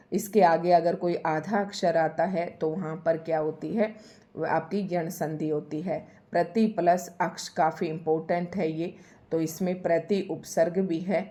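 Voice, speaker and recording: Low mellow-voiced woman teaching spelling. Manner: explains slowly, repeats each word to stress its spelling. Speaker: Hindi teacher. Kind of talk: exam-prep spelling lesson.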